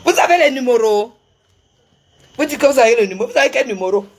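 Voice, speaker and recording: A woman's voice: a little high, expressive, fast talker, a little hiss or hum. A woman, effusively showing off gifts in a vlog and repeating her exclamations. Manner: effusive, repetitive, laughing exclamations. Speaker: social media personality. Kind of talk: excited unboxing vlog.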